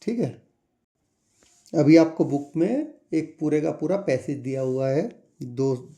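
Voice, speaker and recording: Indian man, tutor, patient step-by-step explaining, very dark mellow tone, slightly high voice. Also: lively intonation, takes it slowly. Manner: patient, repeats questions to the class. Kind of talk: explaining a school chapter.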